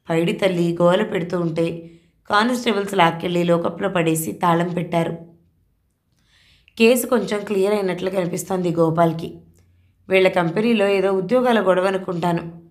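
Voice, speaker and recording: A woman's voice: medium pitch, darkish tone. A woman with a Telugu accent narrating a suspense novel, reading every character's lines in her own voice with light acting. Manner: reads all characters in her own voice, dialogue lightly acted. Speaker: audiobook narrator.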